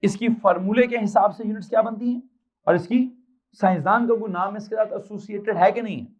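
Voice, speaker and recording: A man's voice: high voice, a little mellow, dull audio. A male physics teacher with a Pakistani Urdu accent, lecturing a class and firing off questions he answers himself. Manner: quizzing, answers his own rapid questions.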